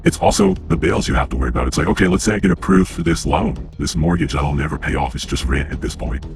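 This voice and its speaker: An angry man vents to his viewers in a very deep, gravelly voice that still swings widely up and down. He swears freely, sounds slightly winded, and has soft music faintly under him. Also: sing-song, quick pace. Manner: angry, profane, keeps addressing viewers as guys. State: out of breath. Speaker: channel host. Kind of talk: ranting commentary to camera.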